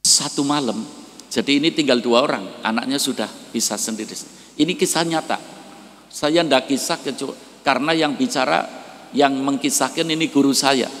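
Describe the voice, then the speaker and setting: A male preacher giving a short sermon and telling a story, acting out its characters with sudden high, raised voices. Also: normal speed. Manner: animated, acts out quoted voices in a high pitch. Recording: long hall reverb.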